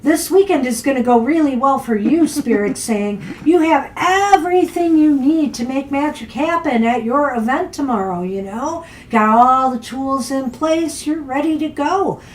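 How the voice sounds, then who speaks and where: A woman's voice: sits high, normal speed, hardly any pauses, a little hiss or hum. A woman co-hosting a casual tarot live stream, chatty, encouraging and upbeat as she reads cards for viewers. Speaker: tarot reader, co-host.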